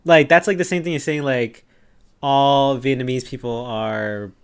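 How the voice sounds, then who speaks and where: A young man co-hosting a podcast in casual chat. He talks in a halting way, fills his sentences with "like" and laughs often. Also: mid-range voice, steady tone, clear, resonant tone. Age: young adult. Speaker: podcast co-host.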